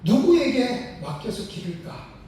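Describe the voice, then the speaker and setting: Preacher voicing God as a kind father, soft dark tone, echoey hall. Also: sits high, very animated, a little slow, a little hiss or hum, pitched above the performer's own voice. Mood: tender. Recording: very echoey sanctuary, mic far off.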